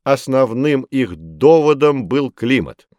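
A middle-aged man with a medium-pitched voice plays an expert in a scripted educational audiobook, explaining history to children calmly, patiently, and in measured terms. It's recorded on a studio microphone with studio quality and no room sound.

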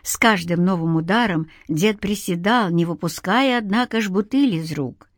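A woman narrating a story as an audiobook, with expressive storytelling. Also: on the low side, normal speed, no room sound, studio quality.

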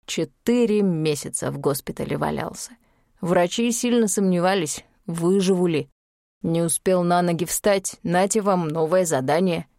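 A cheeky rogue of a man, put on by a woman reading an audiobook, talks in folksy slang and wheedles, lowered a touch below her usual pitch. He sounds sorry for himself and slippery in the same breath. The recording is close and dry. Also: normal speed, vocal fry, warm tone, no room sound. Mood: plaintive. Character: cheeky, fibbing man, a folksy secret agent. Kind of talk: audiobook character voice.

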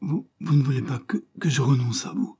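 A man's voice: medium pitch, brisk, creaky, warm tone, breathy edge, voice pushed up. A man voicing a lovesick, anxious shopkeeper, stammering and pleading in an audiobook.

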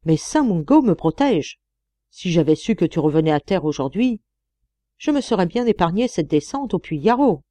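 A woman's voice: fairly low pitch, big pitch swings, moderate pace, no room sound. A woman voicing a cheerful young male miner turned farmhand who loves to sing, talking in a jovial, hearty way. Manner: jovial, hearty, calls out loudly.

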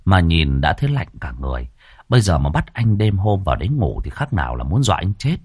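Male ghost-story narrator, low-pitched and animated, dry booth. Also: fast, slightly rough, dry recording. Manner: lively, playful storytelling.

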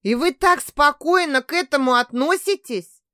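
A woman's voice: sits high, normal speed, bright, forceful tone, dry recording, clean studio sound, pitched above the performer's own voice. A woman reading an audiobook, voicing a flustered, fussing grandmother who exclaims and frets. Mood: alarmed. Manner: exclamatory, fretting. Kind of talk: audiobook character voice.

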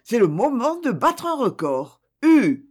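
A storyteller voicing an irritated farm woman who scolds and shouts at a stubborn donkey. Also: medium pitch, big pitch swings, a little slow. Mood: exasperated. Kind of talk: storybook reading.

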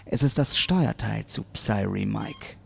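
An actor playing a menacing, sardonically polite mad scientist professor in a German audio drama, with hammy, stagy theatrical delivery. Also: male voice, on the low side, takes it slowly, creaky, breathy edge, heavily acted. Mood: smugly menacing.

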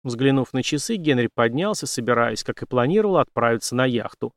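A man's voice: medium pitch, lively intonation, a little fast, no room sound, clean studio sound. A man narrating a science fiction audiobook in an emphatic, rising delivery. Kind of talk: scripted narration.

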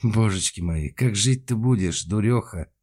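A man's voice: unhurried, darkish tone, slightly rough. A man voicing a bossy, scheming older mother who scolds her daughter. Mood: scolding. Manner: shrill scolding, then fawning.

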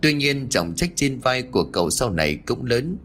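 A man voicing a calm older male monk master who speaks in a measured, instructive way, in an audiobook ghost story. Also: mid-range voice, faint music behind, pitched above the performer's own voice. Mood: steady.

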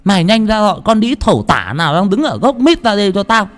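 A man voicing a spiteful, foul-mouthed young servant girl in a ghost story, with a shrill, snarling delivery. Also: big pitch swings, normal speed, a little mellow. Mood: furious.

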